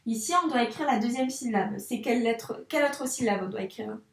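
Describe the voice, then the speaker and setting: A woman teaching young children handwriting, speaking slowly and encouragingly and addressing the child directly. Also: fairly high pitch, vocal fry. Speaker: primary school teacher. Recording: echoey room, voice a bit far from the mic.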